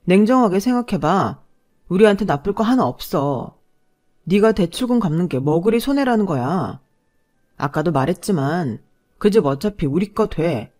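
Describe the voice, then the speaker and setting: A woman's voice: lowish voice, animated, normal speed, darkish tone. A woman voicing a greedy young man who lectures his fiancée dismissively in a told story.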